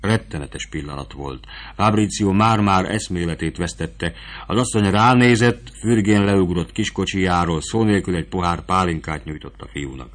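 A man reading a novel aloud as a narrator, in a steady, measured storytelling voice. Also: sits low.

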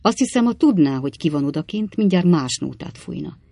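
A man's voice: on the high side, sing-song, vocal fry, mellow, no echo, full character voice. A man reading an audiobook, voicing a cheeky, talkative young manservant who speaks like a showman and likes folksy sayings.

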